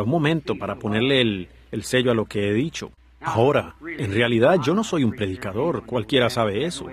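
Man dubbing an earnest sermon in Spanish. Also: mid-range voice. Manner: earnest, with many rhetorical asides. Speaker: Spanish dub voice of a preacher. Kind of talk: dubbed sermon reading.

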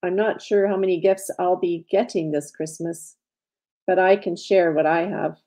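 Clinic nurse, female, caring and earnest, warm low voice, read by a woman. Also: fairly even intonation, normal speed, lightly acted.

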